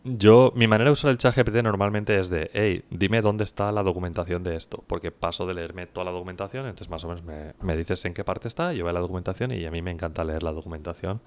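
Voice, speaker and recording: A man in his thirties with an accent from Spain, chatting casually as a podcast co-host in a hoarse, gravelly voice. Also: deep voice, fast. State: hoarse from coughing. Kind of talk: casual chat.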